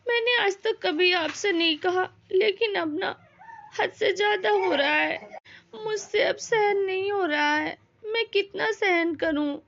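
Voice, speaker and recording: A woman's voice: extremely high pitch, steady tone, unhurried, gravelly, fairly bright tone, heavily acted. A woman acting a meek, mistreated daughter-in-law who pleads in a family drama. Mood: tearful. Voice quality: pleading, tearful. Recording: dull lo-fi audio.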